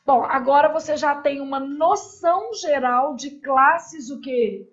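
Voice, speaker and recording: A woman's voice: sits high, slow pace, muffled recording. A woman teaching a grammar class in a casual, chatty way, with joking asides and constant "né?" tags.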